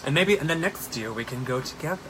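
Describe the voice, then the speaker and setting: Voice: medium pitch, animated, fast, a little hiss or hum, rough recording. A drag performer bantering casually backstage with a campy, theatrical, teasing manner. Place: backstage dressing room.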